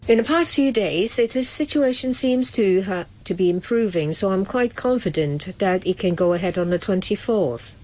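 A woman acting as a live interpreter voice, rendering an official's words in first person, steady with small restarts. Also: medium pitch, moderate pace, hardly any pauses. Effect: live interpreter voice, speaking for an official.

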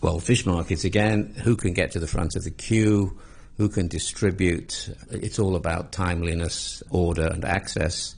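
This former police commander from England, now in his sixties, responds to interview questions calmly and with a wry, understated wit. He speaks in a low voice with vocal fry, a darkish tone and a breathy edge.

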